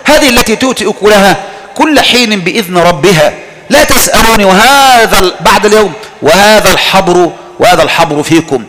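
A man's voice: high-pitched, expressive, brisk, a bit bright, slight background noise. A man preaching a sermon, fervent and pleading, drawing out his words for emphasis. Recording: long hall reverb.

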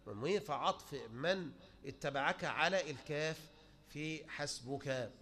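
A man's voice: a little high, normal speed. A man with an Egyptian Arabic accent delivering a sermon, asking rhetorical questions and mocking the views of others. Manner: animated, rhetorical questions, mocking quoted opponents. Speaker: preacher.

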